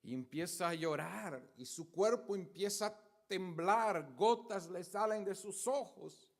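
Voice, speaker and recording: High-pitched guy preaching in church, telling the story vividly as he points to pictures on a screen. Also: slow pace. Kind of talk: sermon.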